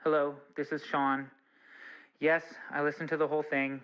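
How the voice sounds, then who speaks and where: A man's voice: a little high, flat delivery, moderate pace, clear, resonant tone. A man leaving a stern, corrective voicemail message that is played back. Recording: dull voicemail from far off.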